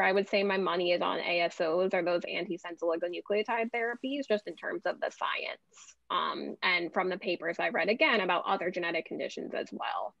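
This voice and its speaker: A friendly woman explains genetics to patients on a video call, patient and quick to laugh. Her voice sits at an ordinary pitch. The sound is muffled and dry, like a laptop mic. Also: vocal fry, a bit bright, dry recording. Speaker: genetic counselor guest speaker.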